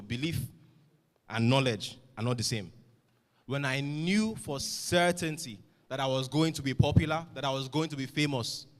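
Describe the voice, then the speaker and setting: Emphatic man in a hall. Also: medium pitch. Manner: emphatic, rhetorical questions, swings loud and soft. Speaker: motivational speaker. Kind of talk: motivational address to students.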